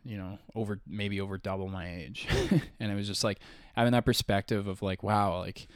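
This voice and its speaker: A man's voice: on the low side, fairly even intonation, moderate pace, no room sound, clean studio sound. A man in his early twenties co-hosting a podcast, chatting casually and rambling with lots of "like" and restarts. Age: early 20s. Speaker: podcast co-host. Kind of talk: casual chat.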